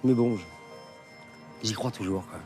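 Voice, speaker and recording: An actor playing a mischievous middle-aged union delegate in a film comedy, rambling and grumbling with self-importance. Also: male voice, on the low side, measured pace, dark tone, faint music behind, close to an everyday voice.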